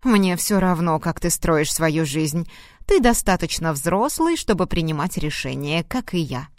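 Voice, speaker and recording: Woman doing a dying old mother: low, hoarse, breathless, stern and cutting, dry close sound. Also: sing-song, measured pace, dry recording. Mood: dismissive. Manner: firm, cutting, dismissive. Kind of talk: audiobook reading.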